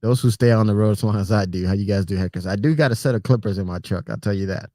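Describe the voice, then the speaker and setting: A low, mellow-voiced man from Puerto Rico, middle-aged and a trucker by trade, hosts an easygoing livestream where he greets chat by name and chuckles a lot. He speaks at a quick pace with no echo, close to the mic except when he drifts away.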